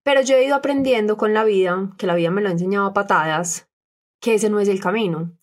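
A woman's voice: mid-range voice, fast talker. Young woman, podcast co-host, earnest and open, slips into quoted voices. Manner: earnest, animated quoting of others. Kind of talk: candid personal talk.

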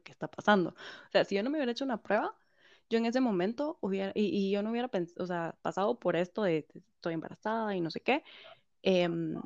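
A woman, telling a personal story as a guest, animated, quoting others and laughing often. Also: mid-range voice, no echo. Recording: slightly dull, dry.

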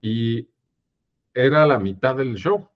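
A man with a Mexican accent, a theater producer in a casual interview, telling stories lively with many fillers and tag questions. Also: medium pitch, slow. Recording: dull lo-fi audio.

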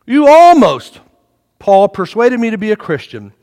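A man's voice: sits high, sing-song, moderate pace. A man voicing a skeptical ancient king who casually brushes off an argument. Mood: amused. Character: skeptical ancient male king, amused and dismissive. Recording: reverberant hall.

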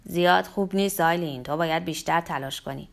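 A woman's voice: lowish voice, creaky, voice pushed down. A woman voicing a paranoid, drunken older father who mutters fearfully and pleads, read as an audiobook character. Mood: mocking.

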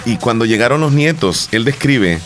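A man's voice: medium pitch, animated, normal speed, soft background music. A man with a Salvadoran accent co-hosting a podcast, telling stories with emphatic repetition. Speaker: podcast co-host. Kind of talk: casual chat.

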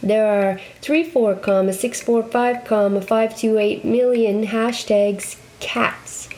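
A woman performing a reflective spoken-word monologue, slow and deliberate, speaking intimately to the listener and asking many questions. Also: on the high side, fairly even intonation, rough recording. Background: loud guitar music.

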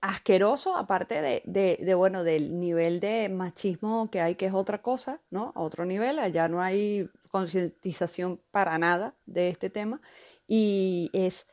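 Woman, casual podcast chat, halting, repeats words, middle pitch. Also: a little mellow. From Venezuela. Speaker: podcast co-host.

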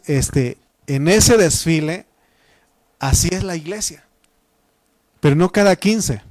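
A man's voice: on the high side, darkish tone, no room sound. A Mexican man preaching a Bible study sermon in a teaching manner, repeating phrases and using frequent fillers. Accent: Mexican Spanish.

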